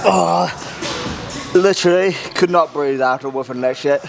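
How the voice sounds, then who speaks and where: A gravelly-voiced man chats in a casual vlog while lifting weights, with music playing behind him. He speaks slowly and bluntly, swearing freely between sets. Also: on the high side. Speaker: strength vlogger.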